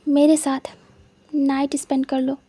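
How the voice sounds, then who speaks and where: A woman's voice: high voice, completely flat delivery, unhurried, mellow, dry recording. A woman voicing a brazen young mafia boss. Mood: teasing. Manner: teasing, insistent, menacing when crossed.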